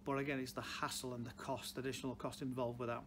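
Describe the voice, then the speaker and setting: A man's voice: medium pitch, flat delivery, fast, a bit bright. A man in his sixties with a Stoke-on-Trent Potteries accent, giving plain-spoken, unscripted advice to camera as a car dealer, with emphatic repeated phrases. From Stoke-on-Trent, England. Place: large indoor car showroom. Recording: clear background noise, showroom ambience.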